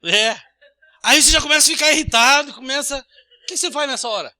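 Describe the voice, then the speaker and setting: Brazilian male pastor, very high, bright voice, lively sermon, dry close sound. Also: quick pace, no room sound. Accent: Brazilian Portuguese. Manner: animated, acts out little scenes with changing voices.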